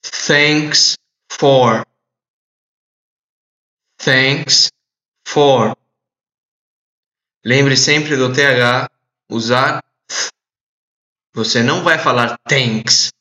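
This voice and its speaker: A man teaching English in a recorded audio lesson, repeating phrases slowly and clearly for learners to translate. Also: medium pitch, sharp tone. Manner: slow, deliberate drilling with repeated phrases. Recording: echoey, dull lo-fi audio.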